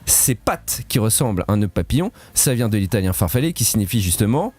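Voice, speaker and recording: Male quiz columnist, animated pitch, jokey and punning, radio studio. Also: a little fast. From Switzerland. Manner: playful, punning, laughs at his own jokes. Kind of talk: radio fun-facts quiz segment.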